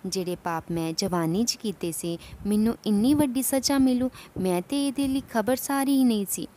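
A man's voice: high-pitched, moderate pace, dark tone, pitched above the performer's own voice, close to an everyday voice. A woman voicing a suffering male leper in a spoken devotional story, pleading and sorrowful. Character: suffering male leper, once a village chief, weeping.

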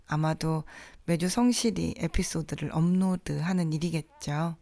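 Female podcast host, soft and reflective, lowish voice, dry close sound. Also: steady tone, measured pace, gravelly, dry recording. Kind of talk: scripted podcast monologue.

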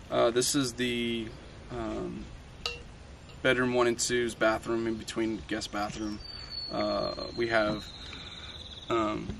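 A man in his thirties talks through his home-build plumbing outdoors at a country building site, explaining each part step by step in an easygoing way, with frequent ums and uhs. His voice sits at an ordinary middle pitch. Faint outdoor noise hums behind him. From Tennessee. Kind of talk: casual how-to walkthrough.

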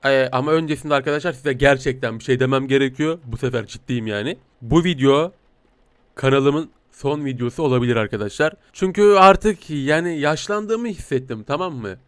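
A man's voice: mid-range voice, moderate pace, smooth, no echo. A man giving playful, teasing game commentary as a talking cat, giggling often. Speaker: gaming YouTuber playing a talking cat.

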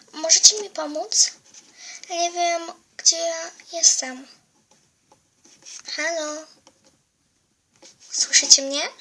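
A woman's voice: extremely high pitch, pushed and bright, heavily acted. A young female performer voicing a frightened lost female pet in a fan drama, calling out anxiously and pleading for answers.

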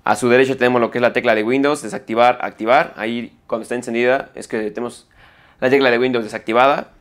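A man's voice: mid-range voice, steady tone, fast talker. A man reviewing a gaming keyboard in a hands-on tutorial, explaining step by step and often checking in with "ok?" after each point. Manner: self-correcting mid-sentence. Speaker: tech reviewer.

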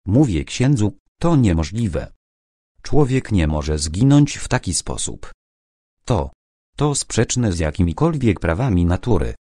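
A man voicing a shaken, urgent young gentleman. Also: low-pitched, sing-song, a little slow, no echo, studio quality, exaggerated voice. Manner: urgent, agitated.

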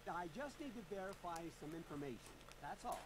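A man's voice: high-pitched, very animated, brisk, low-quality recording. An actor playing an eager, polite door-to-door salesman with ingratiating patter in a video game.

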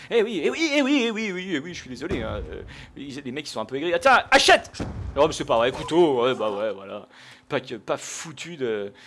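A man giving live, jokey gameplay commentary, shouting out his kills. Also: a little high, a little hiss or hum. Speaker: gaming video host.

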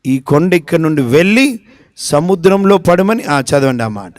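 A man's voice: fairly high pitch, big pitch swings, moderate pace. A man with a Telugu accent preaching a sermon, emphatic, repeating phrases and asking his listeners questions. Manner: acts out short prayers and dialogues in his own voice. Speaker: pastor.

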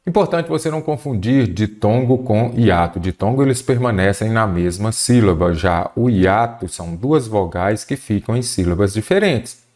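A man with a fairly low voice leads an exam-prep grammar lesson. He keeps asking a question and then answering it himself. He slows down on key terms so they stand out. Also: animated, darkish tone. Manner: explanatory, asks and answers own questions; stretches key terms slowly for emphasis. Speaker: Portuguese teacher.

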